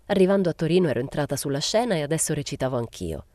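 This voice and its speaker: A woman reading a novel aloud in a measured, plain literary way. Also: deep voice, expressive, warm tone, no echo. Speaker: reader.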